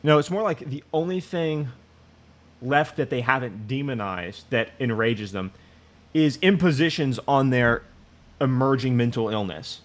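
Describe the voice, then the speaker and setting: A man's voice: medium pitch, measured pace. Male commentator, scornful and wry, mid-range voice. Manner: mocking, laughs at clip, acts out quoted voices. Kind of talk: reaction commentary.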